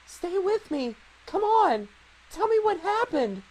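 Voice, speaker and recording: Woman putting on a high, flustered schoolgirl. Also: sing-song, takes it slowly, darkish tone, slight background noise, exaggerated voice, low-quality recording. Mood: alarmed. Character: anxious, polite teenage schoolgirl in horror game. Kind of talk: amateur dub reading of game dialogue.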